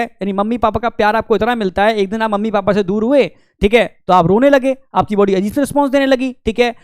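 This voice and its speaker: Guy teacher with a really high smooth voice, chatty, keeps checking you follow, dry close sound. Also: dry recording. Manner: chatty, keeps asking "ठीक है?", acts out friends' quotes. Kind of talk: casual Hindi biology lecture.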